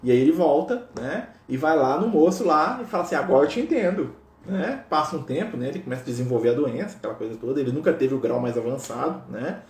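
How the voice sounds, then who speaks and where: A man's voice: mid-range voice, expressive, fast, hardly any pauses, a little mellow. A Brazilian man telling a religious story in a casual, chatty way, peppering it with tag questions. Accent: Brazilian Portuguese. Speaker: spiritual speaker. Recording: roomy echo.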